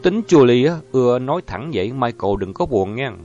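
A man's voice: medium pitch, lively intonation, fairly quick, dark tone, pitched above the performer's own voice, natural voice. A man reading an audiobook voices a playful, teasing young woman with a raised voice. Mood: coaxing. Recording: dull lo-fi audio, faint music.

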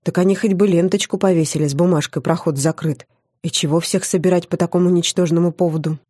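A woman's voice: lowish voice, fast talker, dry recording, clean studio sound. Wry woman narrating an audiobook. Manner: wry, lively storytelling. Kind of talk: first-person fantasy audiobook narration.

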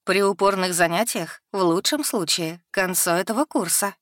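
A woman voicing a calm, experienced female magic teacher who speaks in a measured, matter-of-fact way. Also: fairly low pitch, dry recording, clean studio sound, close to an everyday voice.

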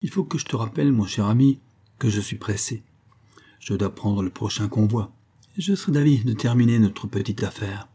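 A man's voice: fairly low pitch, moderate pace, warm tone, breathy edge. A man reading aloud and voicing a cheerful, scheming male rogue in a mocking, wheedling manner.

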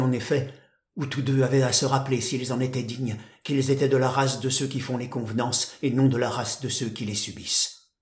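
Man narrating a classic tale, measured. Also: mid-range voice. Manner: measured, literary. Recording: roomy echo.

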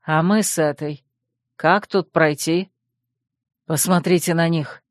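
A man's voice: on the high side, steady tone, slow, no echo. A woman reading an audiobook, voicing a clever, teasing young male fox shifter with a dry, mocking drawl. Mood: musing.

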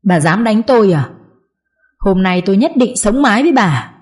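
A woman voicing a scheming young sister-in-law who accuses in a shrill, mock-tearful way, in an audiobook drama reading. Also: lively intonation, normal speed, darkish tone, close to an everyday voice. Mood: furious.

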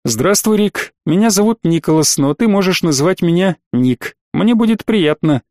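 Man reading gentle welfare inspector, calm and kind, dry close read. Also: sits high, moderate pace, no room sound. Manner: calm, kindly. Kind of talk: audiobook reading.

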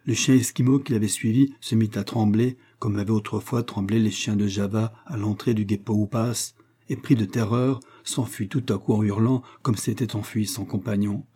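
A man reads an adventure novel aloud as an audiobook, measured and dramatic. His voice is low, dark and mellow, with a husky grain. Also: steady tone. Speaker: narrator.

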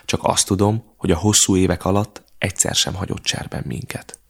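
Man voicing a calm old host with a mysterious air, very deep and husky, audiobook. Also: full character voice. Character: calm older male host, mysterious and kindly.

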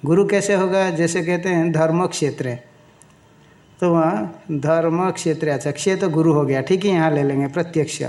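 A man teaching a Sanskrit scripture in a slow, deliberate lecture, chanting verses and pausing to explain their pronunciation and meaning. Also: on the high side, darkish tone. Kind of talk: Sanskrit text lecture in Hindi.

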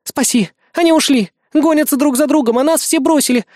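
A man voicing a frightened girl of about twelve, pleading in a shrill, panicky voice. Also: a little fast, darkish tone, no room sound, studio quality. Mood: panicked pleading.

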